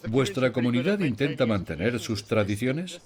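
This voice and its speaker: Lively-voiced male documentary host. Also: mid-range voice, normal speed, crowd noise. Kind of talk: documentary narration and interviewing. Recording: voice with background music.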